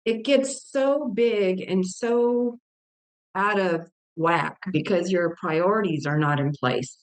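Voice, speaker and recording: An older Texas woman, a guest author, gives a personal testimony in an interview, speaking slowly in a lowish voice. She tells it earnestly and with feeling, voicing the people in her story through vivid quoted dialogue.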